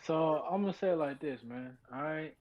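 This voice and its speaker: A man's voice: on the high side, normal speed, highs cut off. A man co-hosting a podcast, talking casually and loosely, constantly checking in with his listener. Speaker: podcast co-host. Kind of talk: casual chat.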